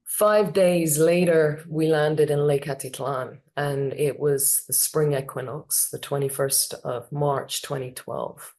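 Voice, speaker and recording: A woman's voice: sits low, slow pace, hardly any pauses. Woman telling a heartfelt story on a call. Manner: animated, acts out quoted voices. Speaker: memorial ceremony speaker. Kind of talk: personal storytelling. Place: online video call.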